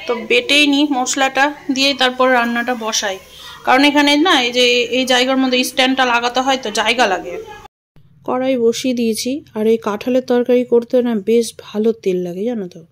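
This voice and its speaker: A woman's voice: fairly high pitch, steady tone, fast talker, a bit bright. A woman, chatting casually in a home kitchen as she cooks. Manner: chatty, homely, talks while cooking. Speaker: vlogger. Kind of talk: casual cooking vlog chat.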